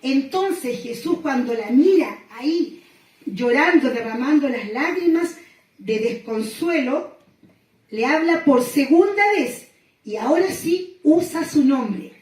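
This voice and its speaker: A woman pastor from Chile giving a sermon reflection, telling the story gently and pausing often. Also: high-pitched, lively intonation. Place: small gathering room. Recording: echoey room, voice from far off.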